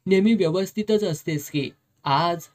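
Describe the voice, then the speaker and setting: A reader voicing a drunk, lecherous, domineering officer who slurs his words and shouts, in a storybook reading. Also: mid-range voice, unhurried, lightly acted. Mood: leering. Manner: slurring, bullying, shouts.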